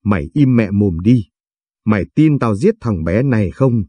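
A scheming, jealous woman kidnapper in an audio story, read by a man. She is harsh and contemptuous, with a low, dark, husky voice in a dry, close sound. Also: expressive, moderate pace, no echo. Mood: threatening.

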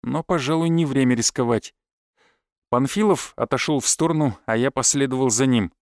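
A man narrating an audiobook in a measured first-person storytelling manner. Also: mid-range voice, no echo, clean studio sound. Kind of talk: scripted narration.

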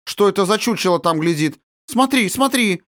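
A man reading an audiobook, voicing a spoiled, capricious little rich girl in high, squealing chatter. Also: very animated, moderate pace, dry recording, clean studio sound. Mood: mocking. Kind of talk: audiobook character voice.

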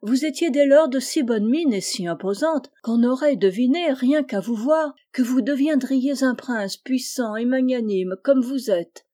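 A woman voicing a sly old wolf who sobs and flatters in a loud, declamatory way. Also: sits high, a little slow, hardly any pauses, voice pushed up. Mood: fawning. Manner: fawning, tearful, declamatory.

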